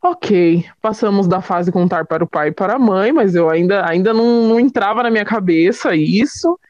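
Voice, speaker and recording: A young woman telling her own life story as a guest, lively, acting out what others said. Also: medium pitch, normal speed, dry recording. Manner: lively, acts out quoted voices with laughter. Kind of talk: personal storytelling. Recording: dull lo-fi dry sound.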